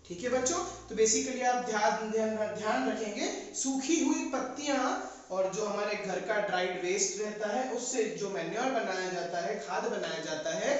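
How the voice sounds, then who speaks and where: A woman's voice: medium pitch, moderate pace. A woman teacher with an Indian English accent, giving an online lesson to young children, spelling words out letter by letter and repeating them. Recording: echoey, distant, dull sound.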